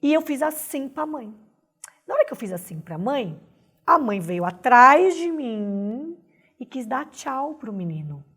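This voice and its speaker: A woman's voice: high-pitched, big pitch swings, measured pace, fairly bright tone, breathy edge. A woman with a Brazilian Portuguese accent teaching a recorded class, explaining step by step and often checking in with "né?". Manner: explanatory, frequent "né?" tag questions. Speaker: instructor.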